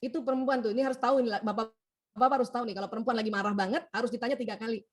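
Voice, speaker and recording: A middle-aged woman doctor giving a lively talk on emotions and family, animated and chatty, often tagging phrases with "ya" and acting out bits of dialogue. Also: a little high, rapid-fire. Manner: animated, acts out quoted dialogue, laughs often; frequent "ya" tag at phrase ends.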